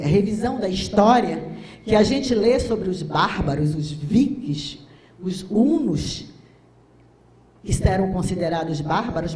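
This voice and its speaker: A woman's voice: a little high, noisy background. A Brazilian woman in her sixties giving an impassioned, rhetorical conference lecture with a Brazilian Portuguese accent. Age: 60s. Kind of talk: conference talk. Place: lecture hall. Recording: echoey hall recording.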